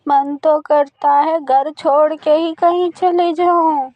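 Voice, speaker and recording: A grumbling old crow lady in a cartoon, as a woman puts her on. She drags out her complaints slowly in a high voice, recorded close and dry. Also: steady tone, no room sound, lo-fi sound. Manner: slow, grumbling. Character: elderly female crow, complaining slowly about her daughter-in-law.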